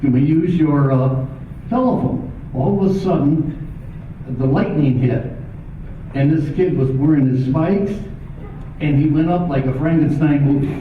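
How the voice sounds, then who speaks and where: A man's voice: on the high side, a little slow. Older man telling stories in an echoey hall. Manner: emotional, anecdotal, chuckling. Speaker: honoree giving acceptance speech. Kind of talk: storytelling acceptance speech. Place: large hall at an awards ceremony. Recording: echoey hall from far off over tinny, noisy sound.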